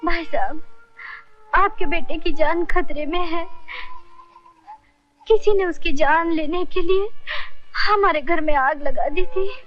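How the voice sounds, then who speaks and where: Widow: grief-stricken, very high and slow, faint music behind. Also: female voice. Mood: grieving. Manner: tearful, slow and pleading. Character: grieving poor widow begging for her daughter. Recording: dull lo-fi film soundtrack with faint music.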